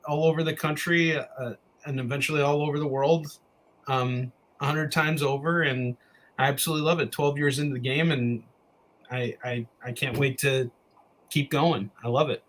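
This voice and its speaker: A comics creator from the Chicago area speaks as a guest in a casual interview, friendly and earnest, often pausing with ums and uhs. His voice is medium in pitch, steady, and fairly bright, though the recording is rough.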